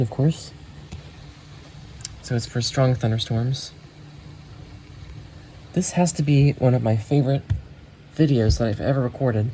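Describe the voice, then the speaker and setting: Speaking in a mid-range voice with a dark tone, this radio enthusiast reviews weather radios for his video. He gives loose, rambling commentary to camera while chatting with friends, captured in a noisy amateur recording full of storm ambience.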